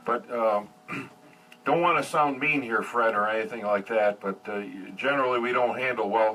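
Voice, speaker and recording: A man's voice: on the low side, bright, forceful tone. A man acting as net controller on two-way amateur radio, politely hesitant and spelling things out phonetically. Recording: distant, faintly noisy radio audio.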